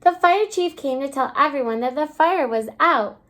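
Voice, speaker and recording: A woman kindergarten teacher reading a storybook aloud to young children in an exaggerated, child-directed way, pausing to ask simple questions. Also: high-pitched, animated, fairly bright tone. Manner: asks simple questions, pausing as if listeners answer.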